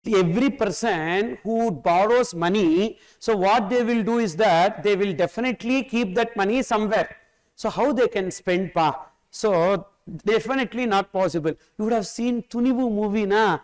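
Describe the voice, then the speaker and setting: Male lecturer, South Indian accent. High, crisp voice, explains emphatically through repeated questions and examples. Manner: emphatic, repeats phrases, asks and answers own questions. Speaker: tax course teacher.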